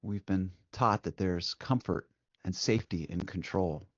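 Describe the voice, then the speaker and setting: A deep-voiced man leads a guided meditation, speaking softly and slowly with long pauses between brief instructions. The recording is muffled and has no echo.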